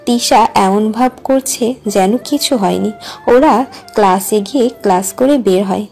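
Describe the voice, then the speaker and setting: A woman narrates a romantic audio story in a plain storytelling manner. Her voice sits at a medium pitch, with faint music underneath. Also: measured pace, darkish tone. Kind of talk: scripted narration.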